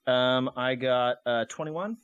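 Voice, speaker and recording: A man's voice: medium pitch, takes it slowly, a bit bright, clear, resonant tone, no room sound, lo-fi sound. A man playing a tabletop game casually, talking hesitantly with lots of ums and restarts. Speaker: player.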